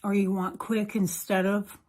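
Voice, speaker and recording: A woman's voice: medium pitch, flat delivery, a little slow, a little mellow. A woman with a slight lisp chats casually to camera as she gives a product review, sounding pleased and informal. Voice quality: slight lisp from new veneers.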